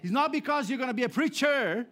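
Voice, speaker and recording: A man from Brazil, a pastor preaching a sermon to a congregation, swinging between emphatic raised lines and low hushed ones. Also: expressive, quick pace. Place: church hall before a congregation.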